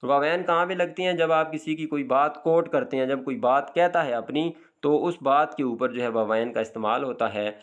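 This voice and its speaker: A man explaining an English grammar lesson, slow and careful, reading example sentences deliberately and correcting himself as he goes. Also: medium pitch, lo-fi sound. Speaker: teacher.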